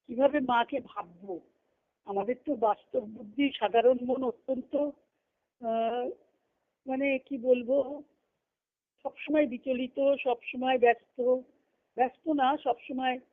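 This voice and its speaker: Over a tinny, narrowband phone conference line, a woman gives an earnest devotional talk to a group, repeating phrases for emphasis. Her high voice is steady and slow, and she pauses often.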